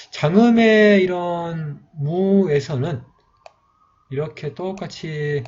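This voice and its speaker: A man with a husky, mellow voice at a mid pitch teaches a step-by-step writing lesson. He explains each stroke patiently and pads his sentences with small fillers. The recording sounds dull and lo-fi. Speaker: teacher of Siddham script.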